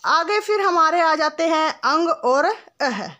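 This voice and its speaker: High-voiced woman teaching Hindi grammar. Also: animated, slow, sharp tone. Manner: asks questions and answers them herself, often adds "ठीक है"; calls the listener "बेटा", patient and instructive. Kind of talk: classroom lesson explanation.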